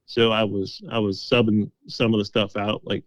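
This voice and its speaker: This interview guest, a middle-aged game call maker, has a lowish, level voice and speaks at a moderate pace with no echo. He spins folksy, easygoing stories and replays past exchanges as quoted dialogue.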